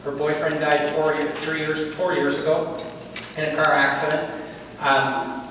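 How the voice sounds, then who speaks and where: A man's voice: on the high side, flat delivery, measured pace. A man working as a psychic medium, giving a live reading to an audience in a blunt, joking, mildly crude way. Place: community hall with audience. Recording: distant, echoey, dull and noisy hall recording.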